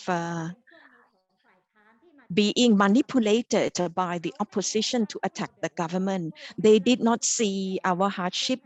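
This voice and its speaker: Woman, interpreter, slow halting delivery, dry close sound. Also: medium pitch, dry recording. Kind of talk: spoken interpretation of interview answers.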